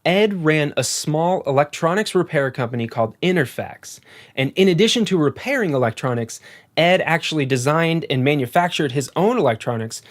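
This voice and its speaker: A man's voice: a little high, expressive, moderate pace. A man giving scripted, informative narration for a video. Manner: informative, explanatory.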